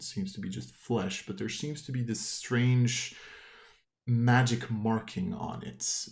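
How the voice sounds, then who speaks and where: Man, slightly deep voice, game master, improvised descriptive narration, conversational delivery. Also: a little mellow.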